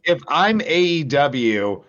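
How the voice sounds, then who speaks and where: A man's voice: a little high, big pitch swings, slow, fairly bright tone, muffled recording. A man guesting on a podcast, thinking aloud in casual chat with hesitant restarts.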